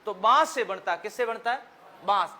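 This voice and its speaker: A high-voiced man with a Rajasthani accent teaching history for competitive exams. His bright, ringing tone carries homely jokes and quick questions that he answers himself. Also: lively intonation. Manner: folksy, joking, asks the class questions and answers them himself. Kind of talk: exam-prep history lesson.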